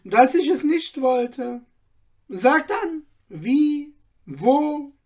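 A man voicing an old male tailor, greedy and excitable, with a strained, pitched-up old voice. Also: very slow, gravelly, full character voice. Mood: excited. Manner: excitable, haggling.

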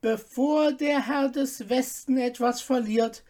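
A woman's voice: high voice, takes it slowly, dark tone, pitched above the performer's own voice. A woman reading an audiobook and voicing a man, a court jester who teases and mocks. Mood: mocking. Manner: teasing, mocking.

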